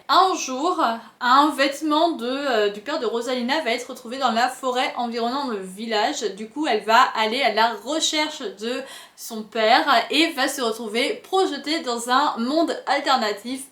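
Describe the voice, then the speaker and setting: Young woman chatting about books, high voice, kinda echoey room, rambly and jokey. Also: fairly bright tone. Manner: chatty, rambling, self-mocking. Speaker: book vlogger. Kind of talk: casual book recommendations.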